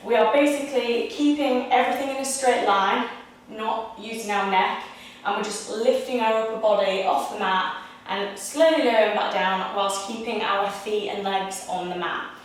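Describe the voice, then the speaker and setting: A woman's voice: fairly high pitch, moderate pace, distant mic. Woman cueing Pilates in an echoey room. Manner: steady step-by-step cueing, encouraging. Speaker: Pilates instructor. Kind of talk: guided exercise instruction. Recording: echoey room, voice picked up from afar.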